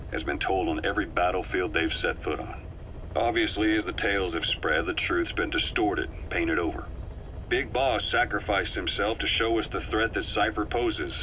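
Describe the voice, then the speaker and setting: This hardened game mercenary sounds grave and pointed as he briefs his commander, his low, forceful voice deliberate and emphatic in a military, wry, intense style. The audio quality is poor, with faint noise behind him.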